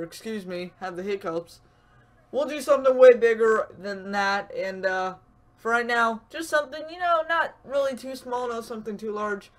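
A man hosting a gaming channel, giving casual, rambling pack-opening commentary with lots of fillers. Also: extremely high pitch. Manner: relaxed, rambling, frequent fillers.

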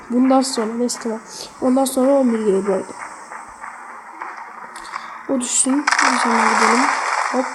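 A woman giving casual let's-play commentary on a mobile game, cheering on and cursing at the character with sudden yelps when she fails. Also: background noise. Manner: excitable, sudden high yelps when failing.

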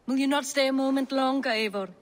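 A woman's voice: high-pitched, steady tone, quick pace, close to an everyday voice. A woman playing a gracious newly married Danish queen in a video game. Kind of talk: dramatic video game dialogue.

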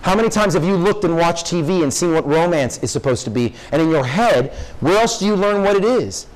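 A young man with a slightly high voice lectures a high school class in a conversational way. He keeps asking the room questions and pushes them to think. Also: expressive, fairly quick, low-quality recording. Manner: conversational, asks the audience lots of questions. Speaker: guest speaker, professor.

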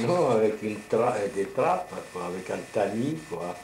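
A man's voice: lowish voice, sing-song, unhurried, a little mellow. An elderly man with a grandpa voice, casually telling rambling, colloquial stories of his past. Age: elderly, 70s or older. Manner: grandpa voice: old man's rambling, colloquial storytelling. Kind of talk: casual reminiscing and storytelling. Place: living room at home. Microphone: camcorder microphone across the table. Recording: roomy, noisy home camcorder recording.

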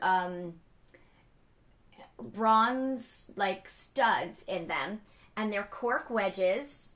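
A young woman talks chattily to her viewers from home, full of fillers and bubbly asides. Her voice is fairly high and very bright, with a raspy edge from a cold. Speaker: vlogger. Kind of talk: casual chatty vlog.

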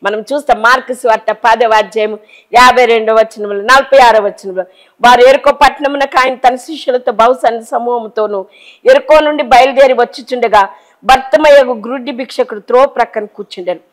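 Fervent middle-aged woman preaching. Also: a little fast. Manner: fervent, pleading, swings between loud cries and hushed low lines. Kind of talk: emotional Telugu sermon.

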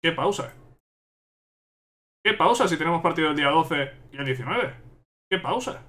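A man's voice: a little high, expressive, normal speed, fairly bright tone. A young man commenting on his own gameplay, exasperated and repeating himself as he rants at the game. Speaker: gaming YouTuber.

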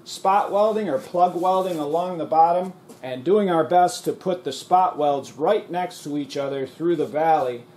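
A man's voice: on the high side, darkish tone, reverberant. A man narrating an auto body repair demonstration, explaining each step in a plain, practical way. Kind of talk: voice-over narration of a shop demonstration.

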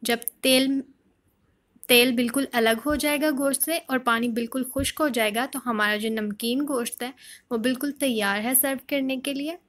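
A woman hosting a home cooking channel, calmly explaining a recipe step by step in a voice-over. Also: high-pitched, moderate pace. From Pakistan. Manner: calm step-by-step instruction.

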